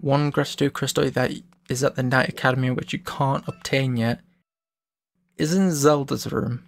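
A let's play host narrates his way through a video game, explaining things in a relaxed, casual manner and correcting himself as he goes. His voice is medium-pitched and creaky, at a normal speed, with no echo.

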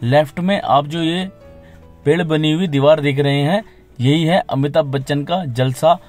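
A man's voice: fairly high pitch, a little slow, a little mellow, faint music behind. A man giving a scripted, informative tour-guide voice-over for a travel vlog. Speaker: travel vlogger.

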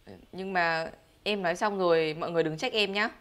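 A woman's voice: on the low side, fairly quick, fairly bright tone, smooth, close to an everyday voice. A young woman acting a sheepish, pleading student in a comedy sketch.

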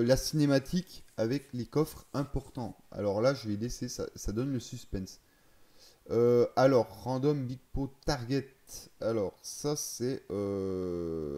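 A man's voice: medium pitch, mellow. A man casually explaining a game's settings, thinking aloud, hesitating and correcting himself as he goes. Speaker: gaming video creator.

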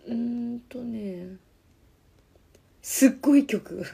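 A woman's voice: fairly high pitch, takes it slowly, gravelly, mellow, slightly rough. A young woman in her apartment, chatting casually on a live stream between karaoke songs, reading viewer comments aloud and keeping her voice down for the neighbours. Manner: keeps her voice down so the neighbours do not complain. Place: her apartment, corner room.

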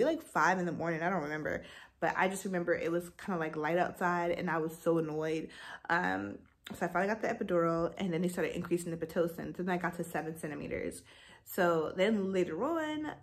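Chatting casually, a young female vlogger recounts giving birth. She's animated throughout, and her voice leaps high whenever she describes how frustrated she felt.

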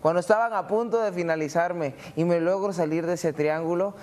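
A young Mexican man talking as a fighter, animated and brash, laughing often and calling people brother. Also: high-pitched, a little fast. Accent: Mexican Spanish. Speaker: interview guest, UFC fighter. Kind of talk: casual interview answers.

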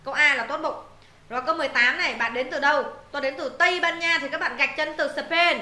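A female English teacher walks students through exam answers, repeating words and checking that they follow along. Her high voice is fast, pushed, and bright, and the sound is reverberant.

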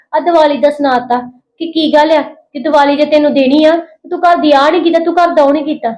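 A woman playing a fast-talking, hurt housemaid. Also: sits high, darkish tone, close to an everyday voice. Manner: earnest, pleading, quick-talking. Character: hardworking young housemaid, proud and hurt. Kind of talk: family drama skit.

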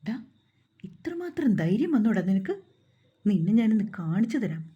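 Brief: scornful middle-aged stepmother , read by a woman, dark husky tone. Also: medium pitch, sing-song, normal speed, highs cut off. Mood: scolding. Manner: scolding, scornful.

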